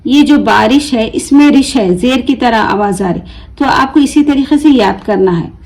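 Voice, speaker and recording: A young adult woman teaching vocabulary, sounding out each word syllable by syllable in slow, drawn-out drills with quick explanations in between. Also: on the high side, darkish tone. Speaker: Urdu teacher. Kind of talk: spelling out words syllable by syllable.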